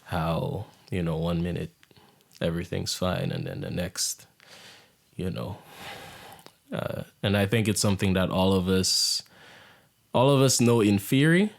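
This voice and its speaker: A young man, hosting a podcast in a reflective, soft-spoken monologue. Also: measured pace, long pauses. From Saint Lucia. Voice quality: low gravelly voice. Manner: reflective, soft-spoken, drops into hushed near-whisper. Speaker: podcast host. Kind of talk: casual monologue.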